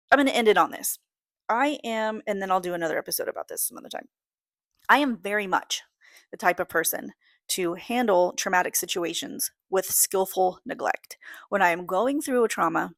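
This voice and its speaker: A woman's voice: medium pitch, a bit bright, no echo, studio quality. A woman in her thirties hosting a casual solo podcast, talking in a rambling, candid way that often breaks off and restarts. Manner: rambling, self-interrupting, candid. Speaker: podcast host.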